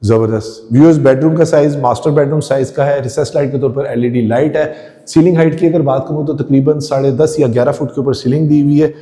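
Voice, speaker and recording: Mellow-voiced man touring a house. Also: medium pitch, fairly even intonation, fast talker. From Pakistan. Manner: enthusiastic, addresses viewers directly, descriptive. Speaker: real estate tour host. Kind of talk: walkthrough house tour narration. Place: indoors, empty house rooms.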